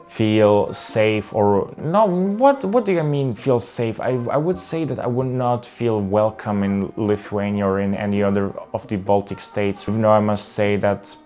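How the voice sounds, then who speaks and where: With faint guitar music in the background, a young Serbian travel vlogger talks candidly and somewhat ramblingly about his travels in a casual vlog, full of restarts and fillers. His lowish, darkish voice is unhurried and has few pauses.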